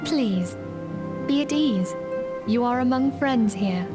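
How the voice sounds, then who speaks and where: An actress voicing a solemn female leader of a secret order in a game, speaking in formal, measured, old-fashioned phrasing. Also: on the high side, animated, over music. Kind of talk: game voice acting.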